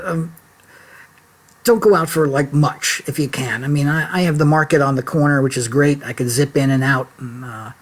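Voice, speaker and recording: A man hosting a casual livestream check-in from his laptop at home, rambling and chatty with lots of fillers and restarts. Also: mid-range voice. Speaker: website founder and host of a live check-in. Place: home office. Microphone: laptop mic.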